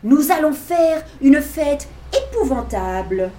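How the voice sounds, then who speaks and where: A woman voicing a bold, mischievous little boy in a wolf costume, loud and commanding. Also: medium pitch, very slow, far from the mic. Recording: echoey room, faint noise.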